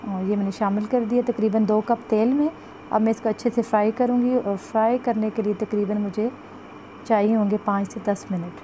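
A woman walks through a home recipe at her stove in an easygoing, chatty way. Her voice is mellow and soft-edged. The phone mic picks up a faint hiss of kitchen noise behind her. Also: mid-range voice, steady tone, brisk, poor audio. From Pakistan. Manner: chatty, repeats "jo hai" and "ye dekhein" while showing the pot. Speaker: cooking vlogger. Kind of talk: step-by-step cooking instructions.

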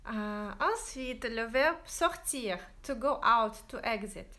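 A woman teaching French in a livestream, drilling verb forms slowly and switching into English to explain. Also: a little high, expressive, sharp tone. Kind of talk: livestreamed language lesson. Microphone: phone livestream.

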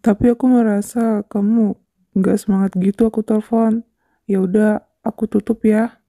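Woman doing a sweet young guy, flat steady delivery, dark warm tone, dry close sound. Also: medium pitch, normal speed, no echo, close to an everyday voice. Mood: calm. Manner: calm, steady, apologetic. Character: kind young man, attentive boyfriend type. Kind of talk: fan dub of a game drama.

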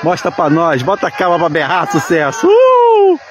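A man giving excited, swearing live commentary at an outdoor balloon launch, calling out and mock-praying as he films. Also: fairly high pitch, brisk, dull audio. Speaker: balloon enthusiast filming a launch. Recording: outdoor phone recording with loud crowd noise.

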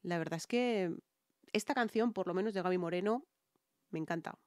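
A woman's voice: fairly low pitch, fairly quick, a little mellow, no room sound, studio quality. A woman with a Spain Spanish accent, a singer talking viewers through a song in an emphatic, chatty way. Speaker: singer reviewing music. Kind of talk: reaction and vocal analysis.

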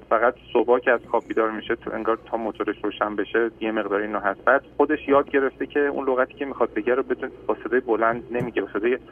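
A man calling a radio advice show about his child, talking hesitantly with fillers. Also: medium pitch. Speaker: caller, a parent. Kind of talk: phone call to a radio show. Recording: tinny phone line with faint noise.

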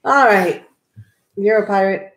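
A woman playing a party game with friends, giving a teasing joke pitch and barely keeping a straight face. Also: slow pace, a bit bright. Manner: teasing, breaking into laughter. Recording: roomy echo.

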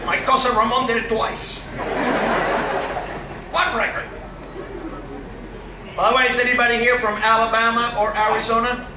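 A man's voice: very high-pitched, little pitch movement, normal speed, pauses often. A man doing a stand-up set on a big theater stage, punchy and teasing the crowd. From Cuba. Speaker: stand-up comedian. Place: large cruise ship theater stage. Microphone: handheld mic, filmed from far back in the hall. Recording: roomy theater sound from far off, loud crowd and noise.

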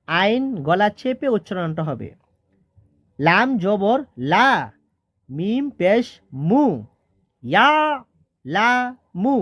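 A Quran reading teacher who spells out each syllable slowly, then chants the whole word in a drawn-out tone. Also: mid-range voice, fairly bright tone, no echo, clean studio sound. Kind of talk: slow letter-by-letter spelling lesson with chanted recitation.

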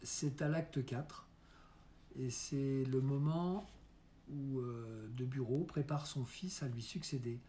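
A man introducing a theatre monologue reading in a calm, unhurried way. His delivery is slow and deliberate, with a few hesitant pauses. His voice sounds soft and mellow. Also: mid-range voice, slight background noise. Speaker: reader.

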